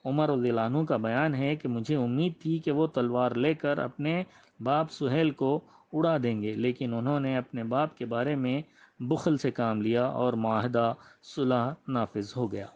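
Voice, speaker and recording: A man reading a religious biography aloud in a measured, reverent way and ending with a prayer. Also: medium pitch, fairly even intonation, a little mellow. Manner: measured and reverent, with frequent honorifics. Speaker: religious history reader. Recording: slightly muffled, dull audio.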